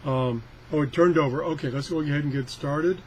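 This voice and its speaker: He talks a little fast in a fairly high voice, a radio review's product tester chatting casually through a hands-on test. His rambling is folksy and self-deprecating. Expect poor audio and slight background noise.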